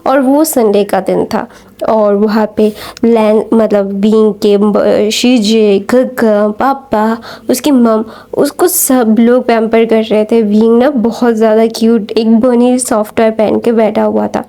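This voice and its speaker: A woman retells a story in a casual, rambling way, full of fillers and false starts. Her voice sits a little high and sounds mellow and soft. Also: steady tone, a little slow. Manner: rambling, many fillers and restarts.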